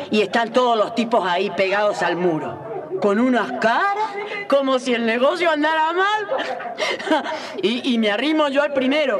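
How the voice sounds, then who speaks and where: A boisterous, bawdy storyteller in a radio drama. Her high voice takes its time, chuckling and gossipy. A tavern crowd is clearly heard behind her. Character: bawdy, boisterous woman swapping tavern tales.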